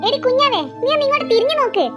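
A woman's voice: very high voice, very fast, fairly bright tone, dry recording, studio quality, faint music behind. A woman voicing a frightened young girl in a cartoon who stammers and cries out for her mother. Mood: puzzled. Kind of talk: cartoon voice acting.

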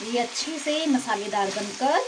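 Speaking at a measured pace, a woman with a higher-pitched voice hosts a cooking channel and explains each step plainly and steadily. Clear kitchen sounds of a pan sizzling and being stirred run underneath.

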